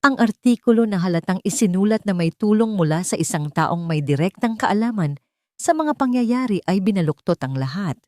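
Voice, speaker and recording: An audiobook narrator reads a scripted dramatic story in a medium-pitched, slightly mellow voice. The recording is dry, with clean studio sound.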